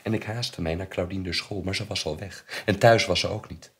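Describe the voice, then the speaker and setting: An actor with a Flemish accent playing a troubled man who quietly relives his painful childhood in a stage monologue. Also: fairly even intonation, fairly quick. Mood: haunted. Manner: subdued, low, haunted storytelling. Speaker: actor playing the narrator Bernard.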